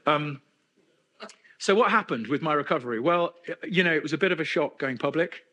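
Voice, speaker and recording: Candid, bright-voiced middle-aged man. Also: fairly high pitch, brisk. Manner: candid, conversational, self-deprecating humor. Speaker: conference speaker. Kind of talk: personal testimony talk.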